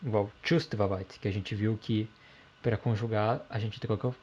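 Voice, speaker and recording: Mellow-voiced man explaining grammar. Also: on the low side, moderate pace, slightly rough, lo-fi sound. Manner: calm, explanatory, checks in with "ok?". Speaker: language teacher.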